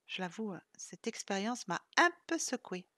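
A woman reading the lines of a gentle, weary man cursed for centuries, speaking softly and tenderly. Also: mid-range voice, big pitch swings, moderate pace, dry recording, clean studio sound.

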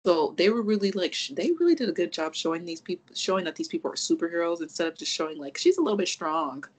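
A podcast co-host in casual chat, animated and profane, rambling through restarts and acting out reactions. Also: mid-range voice, fast, low-quality recording.

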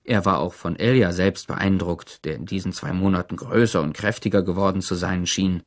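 A man narrating an audiobook in an expressive storytelling manner. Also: deep voice, moderate pace. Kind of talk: scripted narration.

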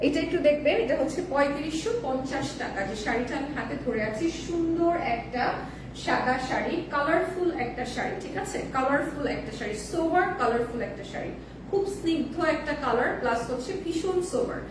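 A hoarse woman hosting a live selling stream, chatting casually and mixing in English phrases, heard in an echoey room with the mic at a distance. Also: high voice, fairly quick, noisy background. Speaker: live-sale host.

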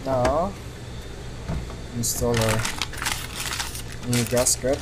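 Male mechanic for casual how-to narration: plain, practical delivery, ordinary mid pitch, recorded in a noisy garage. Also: fairly even intonation, extremely slow. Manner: plain, matter-of-fact. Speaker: mechanic giving a repair tutorial. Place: car repair garage. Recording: clear workshop background noise.

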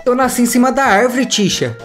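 A man giving playful, excitable gameplay commentary as a gaming YouTuber, full of exclamations. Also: high voice.

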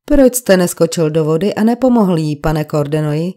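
A woman's voice: low-pitched, lively intonation, dark tone. A woman reading an audiobook, voicing a persistent male police detective who questions a witness insistently. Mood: probing.

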